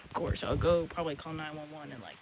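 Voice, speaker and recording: Heavy wind batters the recording throughout. A man with a high voice talks casually to his viewers as an outdoor vlogger. He rambles, repeats himself and keeps an apologetic manner. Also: fast, creaky. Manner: apologetic, repetitive talk. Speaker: amateur video blogger. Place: outdoors at night in strong wind. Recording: very loud wind noise, outdoors. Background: loud gusting wind.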